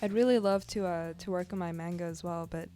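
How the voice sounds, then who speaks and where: A woman chatting casually and a little haltingly as she streams her drawing, with an easygoing manner. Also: on the low side, steady tone, dark tone. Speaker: art livestreamer. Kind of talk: casual livestream chat while drawing. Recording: music behind the voice. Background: music.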